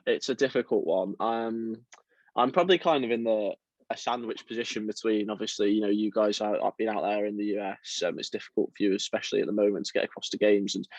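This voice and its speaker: Young English man, chatty and low-voiced. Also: steady tone, fast talker, no room sound. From England, around Liverpool. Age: young adult. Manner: chatty, self-deprecating, many fillers and restarts. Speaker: football writer guest. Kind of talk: casual interview chat.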